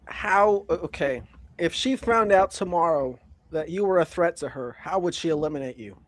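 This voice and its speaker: A man's voice: fairly high pitch, lively intonation, moderate pace. A man in a casual chat asking probing, skeptical questions. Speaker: podcast participant.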